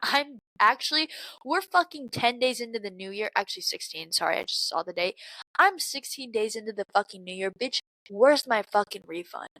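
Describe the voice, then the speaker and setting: A woman's voice: a little high, expressive, a little fast, bright, forceful tone, no room sound, poor audio. A young woman in her twenties hosts her own podcast, venting in a loose, profane confessional ramble full of fillers and slang. Her voice sounds a little congested from crying, and the recording is very dry and close, with no room sound at all. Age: 20s. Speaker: podcast host. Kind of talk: casual confessional monologue.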